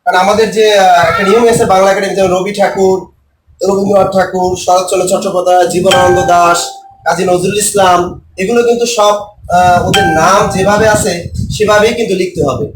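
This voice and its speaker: A man teaching a spelling lesson for exam takers, repeating and spelling out words slowly and asking questions he then answers himself. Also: sits high, little pitch movement, roomy sound, recorded from a distance, background noise.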